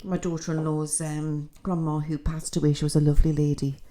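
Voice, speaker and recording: Mellow low-voiced psychic woman. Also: little pitch movement, a little fast. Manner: chatty, rambling, mystical. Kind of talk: casual livestream spiritual reading.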